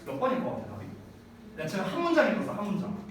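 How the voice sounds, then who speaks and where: A man's voice: sits high, racing. A man in his thirties, an English teacher giving a chatty classroom lecture, often checking whether students follow. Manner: chatty, animated, asks students rhetorical checks. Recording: echoey room from far off, faint noise.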